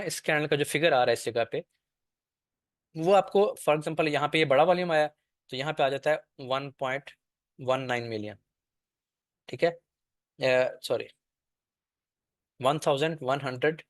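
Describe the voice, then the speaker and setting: A man's voice: fairly high pitch, normal speed, long pauses, no room sound, clean studio sound. A man teaching a trading class over a screen share, explaining step by step and often checking that the listener follows.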